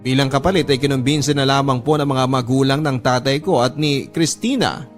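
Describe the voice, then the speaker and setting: Guy narrating a radio drama letter, mid pitch, earnest and polite, confessional. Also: a little fast, faint music behind. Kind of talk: scripted narration.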